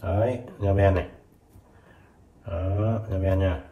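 A man's voice: steady tone, highs cut off, slight background noise. Chatty man selling tools, sped-up echoey recording. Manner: chatty sales patter, addresses viewers as "các bác", fills every pause with "đấy", "đó". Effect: sped up to 1.2x, voice sounds higher. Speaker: seller of used measuring tools. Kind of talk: casual product demonstration. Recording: echoey room.

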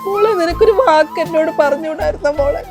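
A woman's voice: sits high, fast talker. A woman playing a weeping remorseful mother-in-law. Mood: tearful pleading. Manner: tearful, pleading. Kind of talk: amateur short-video drama. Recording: music playing behind voice.

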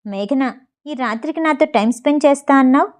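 A woman voicing a playful young man who teases and gets easily shocked, speaking a bit lower and softer than her narration. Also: a little fast. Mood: exasperated. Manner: teasing, exasperated.

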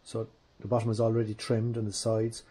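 A restoration vlogger narrates a casual how-to from his garage workshop in a fairly low, slightly rough voice at a brisk pace. He's relaxed, thinks aloud as he works, and calls his viewers "guys."

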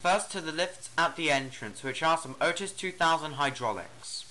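A man's voice: fairly high pitch, normal speed, bright, forceful tone. A man narrating a tour in a casual vlog style. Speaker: vlogger giving a tour of lifts. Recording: background noise, echoey inside lifts.

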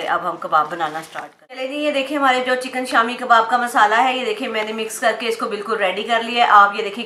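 Woman cooking host, bright chatty voice, step-by-step home recipe, roomy kitchen echo with frying behind. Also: mid-range voice. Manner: chatty, step-by-step, addresses viewers directly. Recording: roomy kitchen echo, faint background noise. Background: oil frying in a pan.

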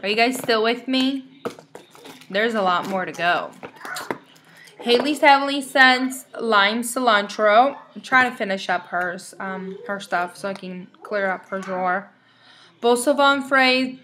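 Bubbly, bright-voiced young woman vlogger. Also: fairly high pitch, measured pace, slight background noise. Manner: bubbly, rambling, reads out product names. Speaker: vlogger showing wax melts. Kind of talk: casual chatty haul vlog.

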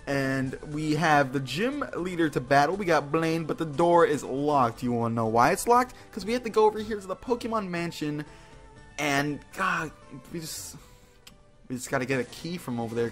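With a slightly high, somewhat bright voice, a man hosts a relaxed video game playthrough. He wanders off on tangents, lets out exclamations and teases himself, with the game's music running behind him.

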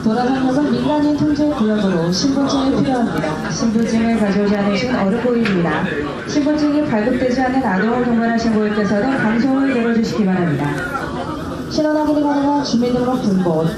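A woman making polite, formal passenger announcements over a train's public address loudspeaker, slowing down as she reads out names. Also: on the high side, animated, far from the mic, over a noisy crowd. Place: inside a moving passenger train. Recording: echoey loudspeaker heard from afar in a noisy crowded train car.

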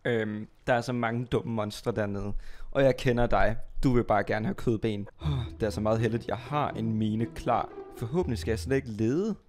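A Danish man commentating his Minecraft play, chatty and excitable, talking to viewers and to his pet, squealing when startled. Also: on the low side, soft background music. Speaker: gaming YouTuber.

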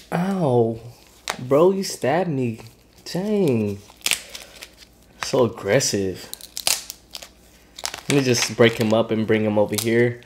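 A man hosting an eating video, chatting loosely between bites in an ordinary mid-range voice. He sounds a little squeamish about parts of the food. A faint hiss sits under the close recording. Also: mid-range voice. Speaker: mukbang host. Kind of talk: casual talk while eating on camera.

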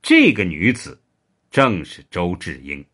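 Male storyteller reading a history serial, voice bouncing up and down a lot, expressive. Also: low voice, takes it slowly. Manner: animated, expressive narration.

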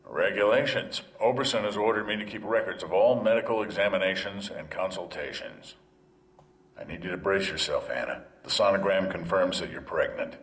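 An actor playing a stern, regretful doctor in a video game, speaking in a measured, formal, clinical way. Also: male voice, low voice, fairly bright tone. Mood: clinical, grave. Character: stern, regretful male doctor bound by rules.

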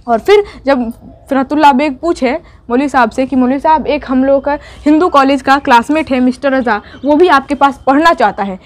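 A woman's voice: sits high, moderate pace. A young woman teacher who retells a story for her students, voicing its characters' lines and adding exam tips.

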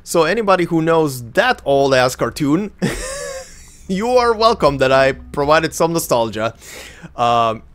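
Hosting a let's play, a man in his thirties whose native language is Croatian rambles chattily through casual gameplay commentary, correcting himself and using lots of fillers. His voice is a little high, very animated, a little slow, and fairly bright. Game music can be faintly heard.

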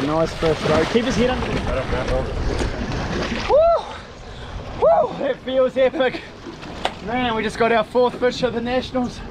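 A man in his thirties with a New Zealand accent, hosting a fishing show and talking excitedly on an open boat, recorded on an action camera. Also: sits high. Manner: shouting quick commands to the crew. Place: open boat on the ocean, outdoors. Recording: loud wind and boat noise.

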